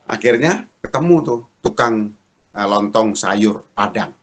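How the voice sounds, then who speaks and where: A man's voice: a little slow, a little hiss or hum. A middle-aged male pastor preaching a sermon, telling a story and acting out the dialogue in raised voices. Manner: lively storyteller, acts out dialogue in high voices.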